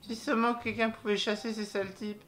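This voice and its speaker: A man voicing an excitable male mole creature from a video game, in a loud, jumpy, theatrical put-on Italian accent, pitched well above his own voice. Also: fairly quick, slight background noise. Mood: grumbling. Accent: put-on clichéd Italian.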